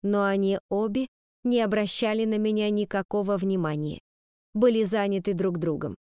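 A woman reading an audiobook in first-person narration with a measured storytelling delivery. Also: mid-range voice, fairly even intonation, warm tone, clean tone, dry recording, clean studio sound. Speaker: audiobook reader.

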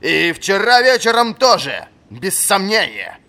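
A man reading an audiobook, voicing a gruff old male fencing marshal who barks commands at his pupil. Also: high-pitched, animated, moderate pace, pitched above the performer's own voice, full character voice. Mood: barking. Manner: barking, shouting commands.

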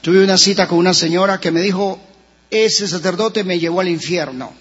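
A Colombian man preaching a sermon as pastor in a church, with sudden rises and drops in pitch. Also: moderate pace, a bit bright, husky. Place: church sanctuary. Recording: muffled recording with long church reverb.

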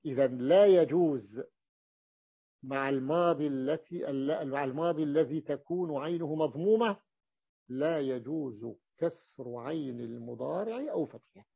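A man, a sheikh, teaching a grammar lesson to students, repeating each example slowly and checking that they follow. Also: on the high side, expressive, vocal fry, breathy edge, highs cut off. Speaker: sheikh teaching Arabic morphology. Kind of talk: classroom lesson explaining a text.

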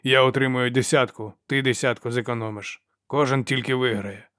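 A man reading an audiobook voices a coarse male slave guard who haggles and mocks in a loud, jeering way. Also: mid-range voice, steady tone, normal speed, no echo, studio quality, natural voice. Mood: jeering, haggling.

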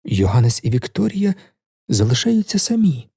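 Gravelly male audiobook reader. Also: medium pitch, big pitch swings, moderate pace, mellow. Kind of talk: literary audiobook narration.

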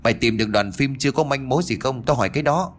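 A man's voice: mid-range voice, fast talker, voice pushed up, close to an everyday voice. A man voicing a worried old village man who talks brusquely and scolds the young ones in a ghost story. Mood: gruff.

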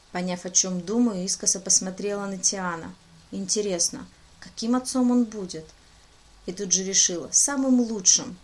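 Female audiobook narrator, middle pitch, reads in first person, gently voices dialogue.

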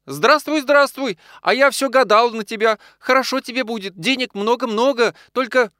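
A man's voice: moderate pace, sharp tone, dry recording, studio quality. A man voicing a sickly young wife in an audiobook, plaintive and wistful. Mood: eager. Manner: plaintive, wistful and high-pitched. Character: sickly young wife, lonely, tearful and pleading. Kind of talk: audiobook character voice.

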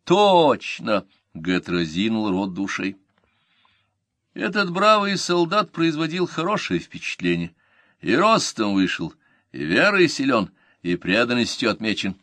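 Low-voiced expressive male narrator. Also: unhurried, no room sound. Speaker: audiobook narrator. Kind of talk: literary audiobook narration.

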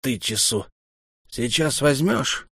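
A man's voice: medium pitch, animated, slow pace, gravelly, fairly bright tone, slightly rough, no room sound, studio quality, pitched above the performer's own voice, exaggerated voice. A man voicing a spiteful, scheming old temple mentor who talks in a gloating, venomous hiss.

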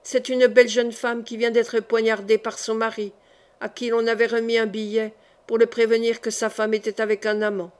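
A woman's voice: fairly high pitch, level tone, normal speed, darkish tone, clear, resonant tone, natural voice. A woman voicing a male onlooker in an audiobook who gives plain, blunt answers. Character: man from the crowd, matter-of-fact onlooker. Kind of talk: audiobook character reading.

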